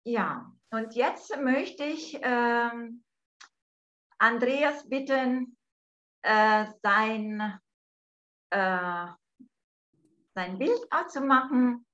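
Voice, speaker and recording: An Italian woman hosts online from a room at home, speaking slowly and hesitantly with many fillers. Her voice is fairly high and bright, carried over dull, lo-fi video call audio.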